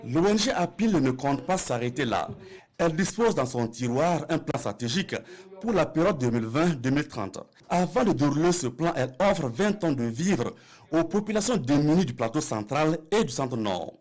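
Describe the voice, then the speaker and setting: A man's voice: fairly high pitch, animated, moderate pace, darkish tone. A man narrating a television news report with a formal delivery.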